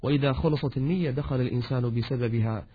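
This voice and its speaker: A man's voice: mid-range voice, fast talker, breathy edge, phone-quality sound. A man preaching a sermon in formal Standard Arabic, exhorting listeners and posing rhetorical questions as the preacher of a religious series.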